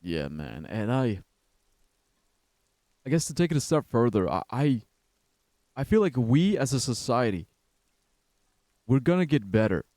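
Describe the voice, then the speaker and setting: A man's voice: medium pitch, very animated, measured pace, pauses often, dark tone, no room sound, clean studio sound. A young man streaming a game, rambling in casual commentary and swearing often. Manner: rambling, profane, says "bro" and "like" a lot.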